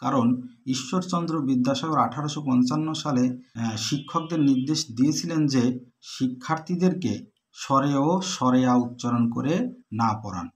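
Measured handwriting teacher. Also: male voice, medium pitch. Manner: measured, deliberate, repeatedly points things out to the viewer. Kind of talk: instructional lesson while demonstrating writing.

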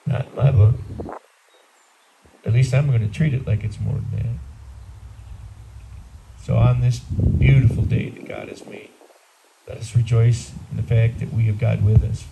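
Gravelly-voiced priest in his sixties preaching outdoors. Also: mid-range voice, fairly even intonation, a little slow, pauses often, noisy background. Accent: Upper Midwest American. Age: 60s. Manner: conversational, plain-spoken preaching. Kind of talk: outdoor homily. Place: outdoors on a garden patio under a canopy. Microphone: far camera.

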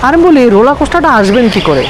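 A woman talks through a face mask at a rapid clip, guiding viewers like a friendly tour host. She stands on a street outside, and heavy traffic rumbles loudly behind her muffled voice. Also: very animated. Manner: brisk, guide-like, giving directions to viewers. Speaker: food vlogger. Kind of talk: casual food vlog, addressing viewers. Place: outdoors on a street by a restaurant. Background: passing vehicles and street noise.

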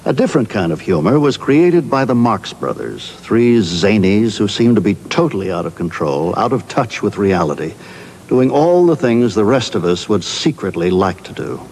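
A man's voice: fairly low pitch, sing-song, normal speed, a little mellow, a little hiss or hum, rough recording. A middle-aged man presenting a documentary with polished, scripted storytelling narration.

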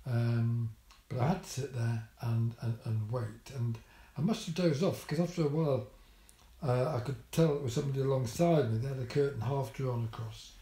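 A man's voice: mid-range voice, fairly even intonation, moderate pace, warm tone. An older man telling a story about his hospital visit in a casual vlog, with dry, wry humour and many ums and restarts. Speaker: vlogger. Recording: echoey room.

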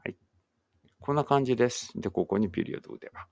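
A man's voice: medium pitch, animated, quick pace, creaky, darkish tone, no room sound. A man teaching an online English writing lesson, thinking aloud as he types and chatting encouragingly to students.

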